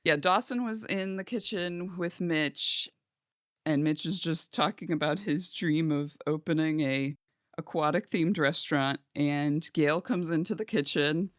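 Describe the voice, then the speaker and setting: A woman's voice: low-pitched, a bit bright, no echo. A woman co-hosting a casual podcast, recapping a TV episode in an easy conversational way. She laughs often and slips into the characters' lines as she retells scenes. Her voice sits dry and close to the mic. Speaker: podcast co-host.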